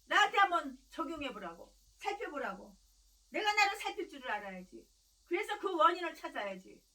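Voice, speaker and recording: A woman's voice: high-pitched, sing-song, a little fast, sharp tone, recorded from a distance. A woman pastor preaching a sermon in a fiery, scolding way, hammering on repeated phrases and breaking into harsh, angry rants. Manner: harsh angry ranting with insults.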